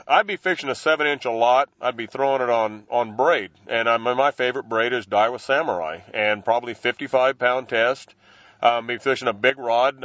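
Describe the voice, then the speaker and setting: A man's voice: mid-range voice, fairly bright tone, dry recording, muffled recording. A man speaking as an interview guest in casual, folksy, slangy language, explaining things informally. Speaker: professional angler, interview guest.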